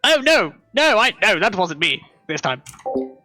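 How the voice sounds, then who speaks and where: A woman voicing a small, mischievous male trickster in a high, chirpy, excitable pixie-like voice. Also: normal speed, soft background music. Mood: eager, boastful. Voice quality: high-pitched.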